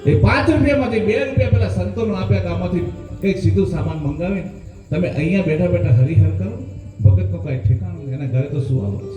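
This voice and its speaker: A man preaching a devotional sermon, telling a story and often addressing listeners as "saheb", his voice swinging between hushed and raised lines. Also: on the high side, highs cut off. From Gujarat, India. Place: devotional gathering hall. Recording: echoey hall with faint music.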